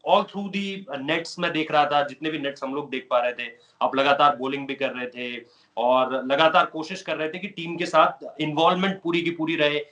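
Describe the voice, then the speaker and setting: Male interviewer, chatty and eager, bright tone, slightly high pitch. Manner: long, winding, eager questions. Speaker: sports interviewer, host. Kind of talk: interview questions.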